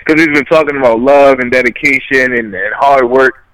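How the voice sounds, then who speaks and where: A man co-hosts a casual podcast, rambling through his reasoning as he thinks out loud. His voice is dry and close, with no room sound. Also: medium pitch, steady tone, brisk, clean tone, dry recording, rough recording. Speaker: podcast co-host. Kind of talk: casual chat.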